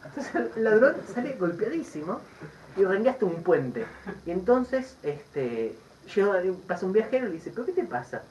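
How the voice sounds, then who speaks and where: Here an Argentine Buddhist teacher with a Rioplatense Spanish accent gives a Dharma talk packed with stories, asides, and laughter, told in a lively way. The voice sits in the mid-range at a normal pace. The recording is distant and dull, with faint noise behind it.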